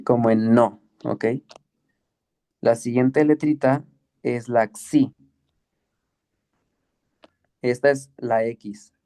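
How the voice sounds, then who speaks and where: A man teaching the Greek alphabet in an online class, patient and slow, often checking with "¿ok?". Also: mid-range voice, fairly even intonation, mellow. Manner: patient, explains slowly with many checks like "¿ok?" and "¿sí?".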